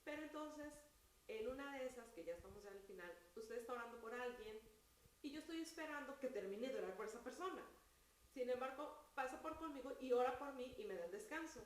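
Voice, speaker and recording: A woman's voice: a little high, fairly quick, distant mic. A middle-aged woman, hosting an interview and telling a personal testimony with lots of fillers. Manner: animated storytelling, many fillers. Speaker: host. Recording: echoey room with faint hiss.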